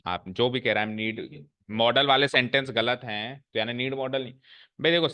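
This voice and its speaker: A man's voice: medium pitch, normal speed, bright, forceful tone, clear, resonant tone. A man in his forties teaching a grammar class to students, lecturing and scolding with rhetorical questions and mixing English phrases into his speech. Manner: mixes English phrases into Hindi.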